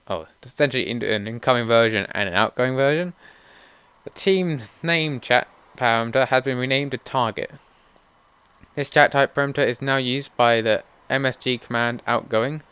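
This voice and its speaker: A young man hosting a gaming channel, reading out update notes in a steady run with casual asides. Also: mid-range voice, moderate pace, clean tone, no echo.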